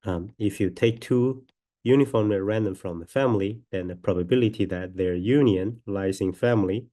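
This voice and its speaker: A man lecturing on a mathematical proof step by step, with a stuffy nose from a cold and a halting, deliberate delivery. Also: lowish voice, mellow.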